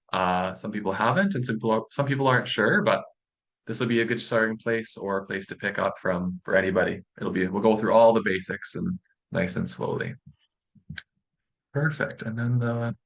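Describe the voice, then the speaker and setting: Presenting informally online as a student, a young Canadian-accented man sounds friendly and encouraging, offering reassurance. His mid-range voice is gravelly and a bit bright, and the audio is poor.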